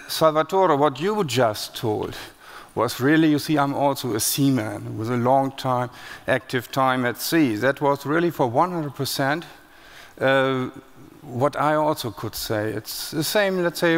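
A man's voice: mid-range voice, fairly bright tone, clean tone. German-accented man speaking in a hall. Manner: plain-spoken, with frequent hesitations and restarts. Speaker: conference speaker. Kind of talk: conference presentation. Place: large conference hall stage. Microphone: headset. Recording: long hall reverb.

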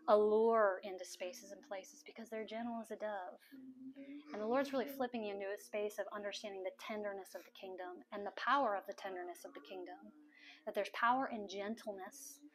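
A middle-aged woman ministering at a house meeting, her voice soft and coaxing as she prays over people. She repeats her phrases gently, at a middle pitch, heard from a camera across a large living room.

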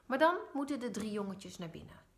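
A woman teacher reading a children's story aloud in a lively, expressive way. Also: mid-range voice, a little fast, slight background noise.

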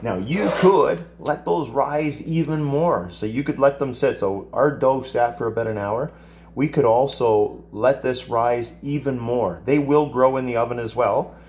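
A man in his fifties teaching a casual cooking demonstration in a home kitchen, explaining each step in a relaxed, chatty way. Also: mid-range voice, background noise. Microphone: camera across the counter.

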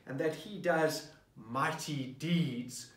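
Seated at his office desk indoors, a slow, reflective parish priest talks through sermon preparation and asks the listener questions. His voice is on the high side, and the camera sits at desk distance, giving a roomy recording with the mic far off.

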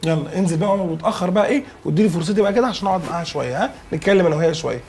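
A man's voice: sits high, animated, racing, darkish tone. An actor in a comedy series playing a cheeky, pushy drunk young man with an Egyptian accent, slurring and teasing. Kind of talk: sitcom acting.

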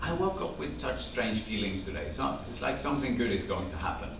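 A Norwegian man in his fifties, speaking with a Norwegian accent in a lowish, gravelly voice a little fast, animatedly tells a personal story to a small audience, quoting family conversations and gesturing as he talks. He's in a classroom-sized meeting room with a projector screen, recorded from far off by a camera with no visible mic, so the room echoes and there's a background hum.

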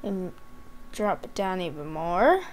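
Her voice starting to give out, a woman gamer talks to herself in casual commentary for a gameplay video, speaking slowly in a lowish voice with lively intonation. She keeps clearing her throat, and the recording carries hiss plus keyboard and mouse clicks.

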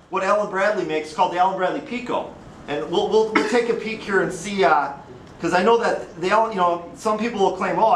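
A man with an Upper Midwest American accent instructs a class in a relaxed, talkative style, regularly posing questions to students. His high-sitting voice has a fairly bright tone, captured from far away in an echoey room with a little hiss or hum.

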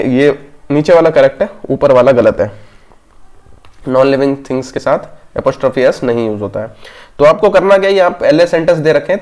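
A man's voice: a little high, darkish tone. A man teaching exam grammar rules, explaining step by step and often checking in with listeners. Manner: explanatory, repeats "theek hai" as a check-in. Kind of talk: exam grammar lesson in Hindi-English mix.

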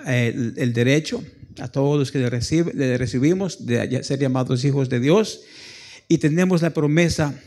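A pastor preaching a church sermon, calling the listeners brothers and drawing out key phrases slowly before swelling to loud peaks. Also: male voice, mid-range voice. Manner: preaching with sudden loud rises and slowed, drawn-out phrases; calls listeners "hermanos" and asks for amen.

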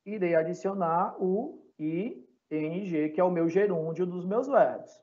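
A man's voice: sits high, a little slow, highs cut off. A man with a Brazilian Portuguese accent teaching an English lesson to a class, patiently spelling out letters and checking in constantly to see that students follow. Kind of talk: recorded online class lesson. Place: classroom or home for a live online class.

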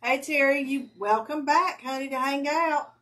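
A woman's voice: high-pitched, moderate pace, pushed and bright. A woman with a Southern accent co-hosting a craft livestream, friendly, reading out viewer comments and greeting people by name. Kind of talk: casual livestream chat. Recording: voice picked up from across the room.

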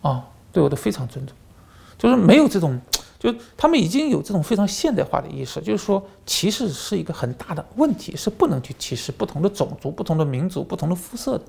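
His voice sits high and warm, creaky in texture, with big pitch swings as he talks fast. The speaker, a commentary channel host and former journalist, gives a political monologue, telling stories animatedly with many fillers and repeated words.

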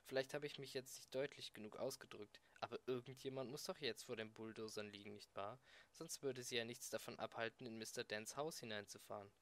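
A man's voice: medium pitch, steady tone, fairly quick, a bit bright, natural voice. Brief: coaxing scheming alien pal, done by a man reading an amateur audiobook, patient and persuasive, slightly raised voice. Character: smooth-talking scheming alien friend, adult man.

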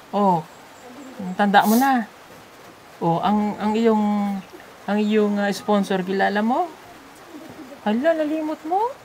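A woman vlogger visits a sponsored child's family at their home, coaxing and teasing them with lots of questions in a casual vlog chat. Her medium-pitched voice is a little mellow, and there's a little hiss or hum in the audio.

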